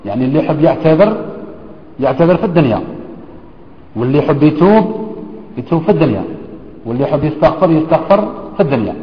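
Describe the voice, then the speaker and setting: A man explains scripture at an unhurried pace, his voice sitting somewhat high. He poses questions to his listeners and repeats his points. The sound is dull and lo-fi, ringing in a large, reverberant hall. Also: lively intonation. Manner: slow, deliberate explaining with rhetorical questions and repetition. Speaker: religious teacher. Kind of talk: Quran commentary lesson.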